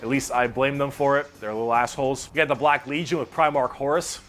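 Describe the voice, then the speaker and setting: A man's voice: medium pitch, steady tone, brisk, a bit bright, faint music behind. A man streaming, casually explaining game lore in a loose, profane way and reading chat messages aloud.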